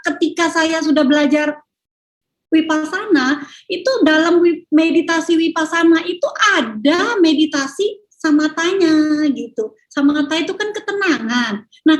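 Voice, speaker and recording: Middle-aged woman, high voice, chatty storytelling with lots of fillers, sounds echoey. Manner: chatty, anecdotal, with frequent laughs and fillers. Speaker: speaker giving a Buddhist Dhamma talk. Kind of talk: casual personal testimony.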